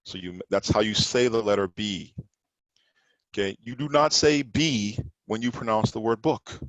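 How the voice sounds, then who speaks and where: A man's voice: fairly low pitch, moderate pace, a bit bright, no room sound, dull audio. A man teaching a Sabbath study class, explaining pronunciation emphatically and repeating points to drive them home. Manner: explanatory, emphatic, repeats words while correcting others' pronunciation.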